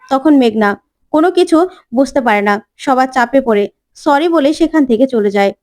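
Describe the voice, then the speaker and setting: A woman briskly narrating a recap of a TV serial episode. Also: sits high, expressive, darkish tone. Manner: brisk storytelling.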